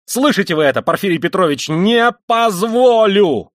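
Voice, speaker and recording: A man reading an audiobook, voicing a feverish, proud young male student who talks in tense, loud outbursts. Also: fairly low pitch, sing-song, moderate pace, no room sound, studio quality. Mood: furious.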